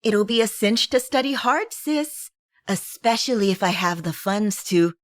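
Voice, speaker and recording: A woman voicing a lively young woman, a student kid sister with a breezy, wheedling way of talking. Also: medium pitch, unhurried, no echo, studio quality, pitched above the performer's own voice, lightly acted. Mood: bright, wheedling.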